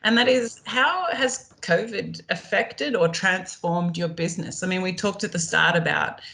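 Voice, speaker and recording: Low, bright-toned woman interviewer. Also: normal speed, gravelly. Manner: enthusiastic, praising, many "um" and "you know". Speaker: interviewer for a startup program. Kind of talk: friendly interview hosting.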